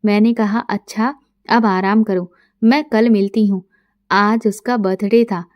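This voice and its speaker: A middle-aged woman narrating a first-person story in a soft, intimate way, quoting dialogue plainly. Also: mid-range voice, fairly even intonation, measured pace, no echo, dull audio.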